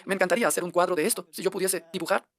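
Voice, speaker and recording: A man's voice: high voice, steady tone, very fast, fairly bright tone, dry recording. A man preaching a translated sermon, emphatic and firing off one rhetorical question after another.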